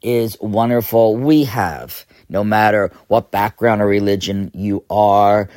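Slow, hoarse man preaching on radio. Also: on the low side, darkish tone, no echo, studio quality. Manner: earnest, emphatic repetition of phrases. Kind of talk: inspirational radio sermon.

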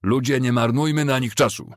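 A man voicing a boisterous, scornful young male cavalry soldier, loud and mocking. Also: medium pitch, normal speed, no room sound, studio quality, voice pushed up, natural voice. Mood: rallying.

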